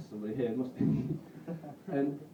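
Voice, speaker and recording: A man in his twenties from Bolton with a Northern English accent, doing a live stand-up set in a self-deprecating, halting way with frequent swearing. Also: mid-range voice, heavy background noise. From Bolton, England. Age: 20s. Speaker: stand-up comedian. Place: comedy club stage. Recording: roomy, distant, muffled live recording.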